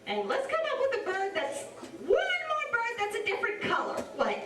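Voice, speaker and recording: A woman with a Cajun accent telling a story to children in a playful, animated way, acting out the dialogue. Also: very high-pitched, moderate pace. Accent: Cajun Louisiana. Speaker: storyteller and face painter. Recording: echoey large room, distant mic.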